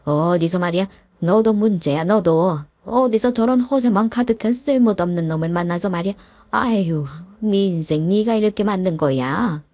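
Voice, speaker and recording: A woman voicing a blunt, fiery older mother-in-law who scolds in a sharp-tongued way. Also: mid-range voice, normal speed, no room sound, lightly acted. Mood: furious.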